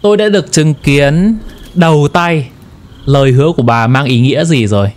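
A man's voice: fairly high pitch, brisk, darkish tone. A man with a Vietnamese accent, a gaming streamer giving casual playthrough commentary.

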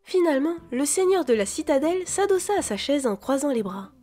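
A woman reading a fantasy novel aloud, expressive and shifting voices for the dialogue. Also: high voice, fairly quick, soft background music. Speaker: audiobook reader.

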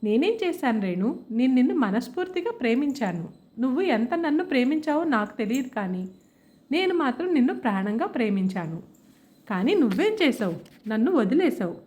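A bitter young man shouting accusations in a storybook tale, as a woman narrator puts him on. The voice rises high and swings widely, with a mellow, dark tone. He sounds hurt and furious. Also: big pitch swings, normal speed. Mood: angry.

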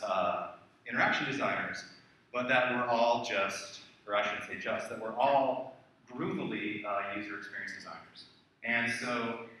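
A man's voice: medium pitch, pushed and bright. A man giving a conference talk, chatty and self-deprecating, with frequent fillers. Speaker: conference speaker. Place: large hall. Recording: echoey hall, from far off.

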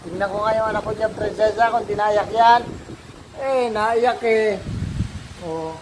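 Teasing dad, noisy home video. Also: male voice, high voice, steady tone, unhurried. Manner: teasing, playful, coaxing. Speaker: father playing with his young daughter. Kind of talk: casual home video banter. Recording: home video with background noise.

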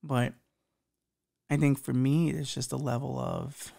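A podcast host in his thirties rambles through relationship advice, swearing and mocking himself, with a slight lisp. His medium-pitched voice is gravelly yet mellow, his intonation fairly even and his pace measured.

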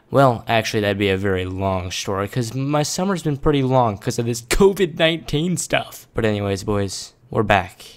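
Hushed young man, gravelly voice. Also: lowish voice. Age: 18, young adult. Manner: hushed and casual, calls viewers "boys" and "dude". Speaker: gaming YouTuber. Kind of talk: late-night gameplay commentary. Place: bedroom at home at night. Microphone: desk microphone turned up.

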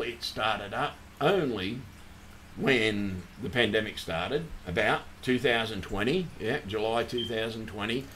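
Aussie guy rambling on a stream, kinda low voice, keeps saying sorry. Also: a bit bright, a little hiss or hum. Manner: rambling, repeats himself, apologetic. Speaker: channel host. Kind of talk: casual livestream commentary.

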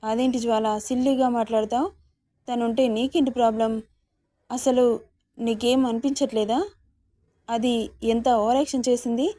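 A woman's voice: a little high, fairly even intonation, moderate pace, long pauses, mellow, no echo, clean studio sound, natural voice. Woman voicing a teasing, patient young man. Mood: coaxing.

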